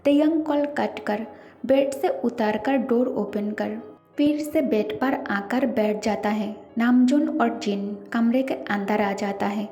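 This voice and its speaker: A woman narrating a fan-fiction story in a steady storytelling manner. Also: fairly high pitch, slow pace, soft background music. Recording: echoey reverberant room.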